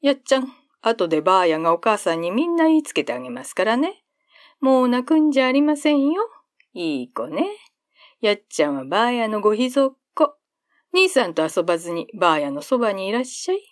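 A woman's voice: on the high side, sing-song, fairly quick, dry recording, studio quality, pitched above the performer's own voice. A woman voicing an old nursemaid who scolds the older boy and dotes on the baby, in old-fashioned polite speech. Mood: huffy.

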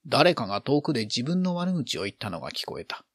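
Lively male storyteller, dry sound. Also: medium pitch, a little fast, husky, no echo. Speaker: narrator. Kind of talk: expressive literary reading.

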